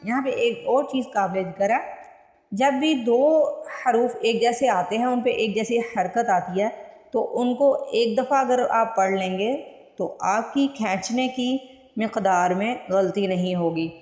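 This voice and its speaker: A woman's voice: on the high side, darkish tone. Woman teaching recitation, echoey room. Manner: slow drawn-out recitation between plain explanations. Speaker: Quran tajweed teacher. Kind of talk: word-by-word recitation lesson. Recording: echoey room with long reverb.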